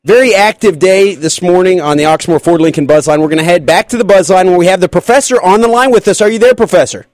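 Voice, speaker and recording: A man hosting a sports call-in radio show, speaking in a polite, measured way. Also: sits high, a little mellow, no room sound.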